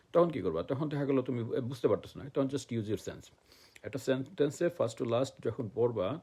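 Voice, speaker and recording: A man's voice: medium pitch, creaky, darkish tone, slightly rough. A man giving a loose spoken lesson, repeating points and checking in with his students as he goes. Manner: loose, repetitive teaching with many fillers and "okay?" checks. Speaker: English teacher. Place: lives in the United States.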